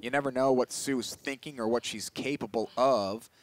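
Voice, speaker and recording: A man's voice: mid-range voice, fairly even intonation, moderate pace. A man doing live play-by-play wrestling commentary. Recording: clear background noise.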